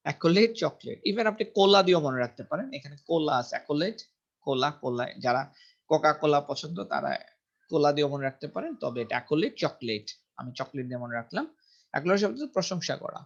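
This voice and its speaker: Higher-voiced man teaching vocabulary. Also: fairly bright tone. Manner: repeats words, checks pronunciation aloud. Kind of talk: vocabulary lesson. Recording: dull lo-fi recording.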